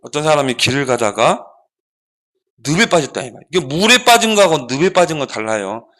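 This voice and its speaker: Male pastor, children's sermon, high voice, lively, rhetorical questions. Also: fairly quick.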